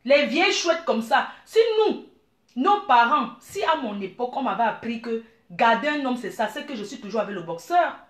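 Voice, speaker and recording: Middle-aged woman, blunt animated advice, fairly high voice, echoey room. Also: moderate pace. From Cameroon. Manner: blunt, animated, calls listeners "maman" and "ma chérie". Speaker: business owner. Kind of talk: frank advice monologue.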